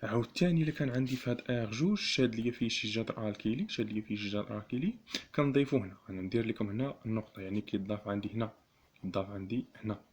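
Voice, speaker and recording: Slow, repetitive Moroccan man teaching. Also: fairly low pitch, a little mellow, husky. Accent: Moroccan Arabic. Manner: repeats each term slowly, asks rhetorical questions. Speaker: chemistry teacher. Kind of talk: classroom lesson explaining notation.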